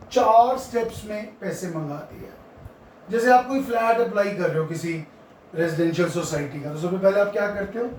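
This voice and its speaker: Male accounting teacher, high-pitched, quizzes the class and repeats key terms, heard from a distance. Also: darkish tone, a little hiss or hum. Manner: quizzes the students and answers his own questions. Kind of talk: classroom lecture. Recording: very echoey room, mic far off.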